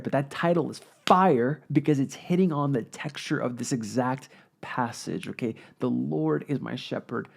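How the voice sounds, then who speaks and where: A man's voice: mid-range voice, creaky, a little mellow. A man, a youth pastor, giving a casual and playful video sermon to his group, asking them questions as he goes. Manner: conversational, playful, asks the audience questions.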